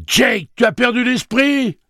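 A frantic young man, high and shouting. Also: measured pace, no room sound, studio quality, heavily acted. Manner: shouting, panicked pleading.

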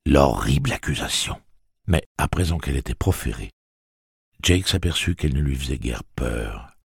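A man narrating a novel aloud in a measured, dramatic storytelling manner. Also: very deep voice, sing-song, gravelly, slightly rough, no echo, studio quality. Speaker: audiobook narrator.

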